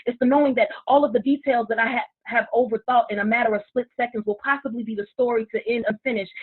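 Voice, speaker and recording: A woman reciting spoken-word poetry in a measured, vivid way, heard over choppy video call audio that freezes and cuts out. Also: a little high, breathy edge, phone-quality sound. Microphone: computer or phone on a video call.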